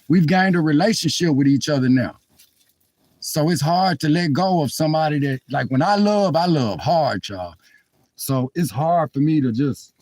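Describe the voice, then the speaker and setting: A man livestreaming from a cold car talks straight to his chat, rambling and apologizing with real feeling. His voice is medium-pitched and darkish, recorded dry on a phone mic with no echo.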